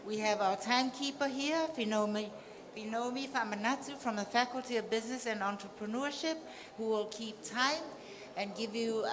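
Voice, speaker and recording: A woman chairing a debate with formal announcements. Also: mid-range voice. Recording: echoey hall with faint background noise.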